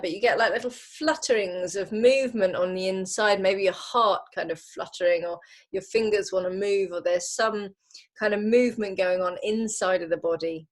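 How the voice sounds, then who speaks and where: A yoga teacher with a medium-pitched voice guides a relaxation session, instructing gently and unhurriedly. She leaves pauses between her phrases.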